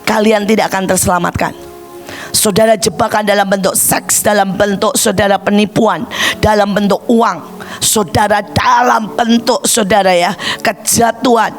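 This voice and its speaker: Older woman preaching with shouted bursts. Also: fairly even intonation, moderate pace, soft background music. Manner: impassioned, bursts into shouting, addresses the congregation constantly; high-pitched exclamations with wide swings. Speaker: evangelist preacher. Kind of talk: sermon.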